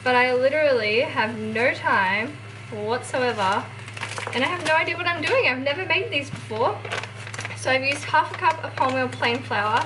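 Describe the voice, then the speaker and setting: A young woman with a New Zealand accent talks straight to her camera, upbeat and rambling, with plenty of "like". Her voice sits high. A steady hiss of noise runs under the home kitchen recording. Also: normal speed. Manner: chatty, upbeat, rambling with many "like"s. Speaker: fitness vlogger. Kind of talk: casual vlog chat.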